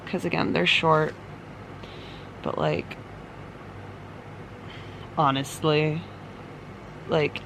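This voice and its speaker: A woman's voice: low-pitched, steady tone, drawn-out words, creaky, pauses often, a bit bright, rough recording. A woman chatting casually and ramblingly in a reading vlog, sounding unimpressed as a book reviewer. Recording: fan noise behind the voice. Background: running fan.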